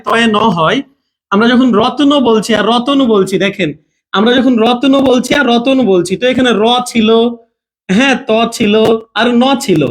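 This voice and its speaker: Very high-pitched male teacher running a live online class, always quizzing students and asking "okay?". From Bangladesh. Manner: repeats questions to students, checks understanding often. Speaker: grammar teacher.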